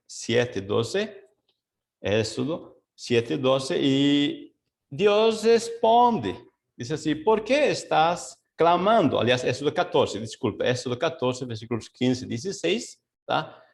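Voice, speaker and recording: This pastor runs a Bible study by video call, moving between Portuguese and Spanish at a slow, exploratory pace with plenty of fillers and asides. He has a somewhat high, gravelly voice.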